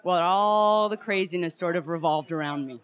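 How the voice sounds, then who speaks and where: A woman's voice: fairly low pitch, moderate pace. A woman being interviewed as an actress on a premiere red carpet, talking in a gushing, emphatic way.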